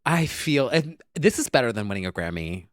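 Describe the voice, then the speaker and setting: A man's voice: mid-range voice, big pitch swings, fairly quick, dry recording, studio quality. A man co-hosting a casual pop-culture podcast, talking in a sassy, campy, slangy way. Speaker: podcast co-host and remixer.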